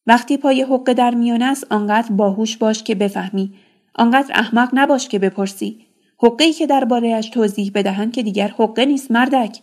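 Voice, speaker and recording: A woman's voice: on the high side, a little mellow, close to an everyday voice. A woman voicing a sly sneering schemer. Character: sly scheming man, mocking.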